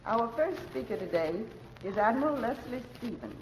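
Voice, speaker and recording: A woman as mistress of ceremonies, giving a formal, measured speech introducing a speaker at a luncheon, heard on an old broadcast transcription disc. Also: fairly high pitch, lively intonation, a little hiss or hum. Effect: old broadcast transcription disc sound. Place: large hotel ballroom. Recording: dull lo-fi old transcription disc, echoey ballroom.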